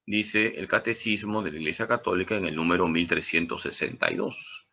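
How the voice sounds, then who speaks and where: A man's voice: low-pitched, brisk, sharp tone. A man, a priest teaching a catechism class, who asks questions and answers them himself with emphatic repetition.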